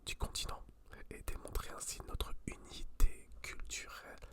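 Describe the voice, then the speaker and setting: A person whispering in a hushed library whisper, chatting casually about books and reading aloud in an intimate ASMR style. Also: moderate pace. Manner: informal, slangy. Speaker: host reviewing books.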